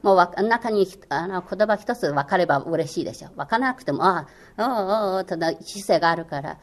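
A woman's voice: lowish voice, expressive, brisk. Earnest older woman, Chinese native. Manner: earnest, encouraging, many hesitant fillers. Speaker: guest, former radio course lecturer. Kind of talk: interview answers.

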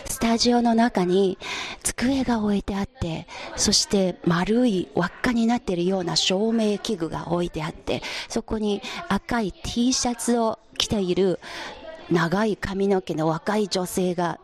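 A woman's voice: mid-range voice, unhurried. A woman field reporter giving a polite, descriptive live news report on location. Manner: descriptive, polite, sometimes hushed.

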